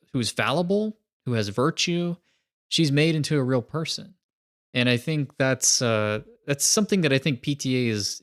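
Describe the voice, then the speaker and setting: A man with a smooth, mid-range voice co-hosts a podcast, casually discussing a film. He's thoughtful and hedging, building his arguments step by step.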